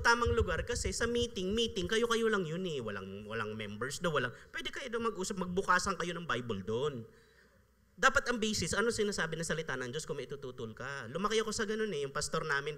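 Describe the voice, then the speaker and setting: His voice fairly high, pushed and bright, a pastor delivers a chatty sermon, playing out the people he's quoting and breaking into frequent laughter. The sound is live church audio with a long reverb tail.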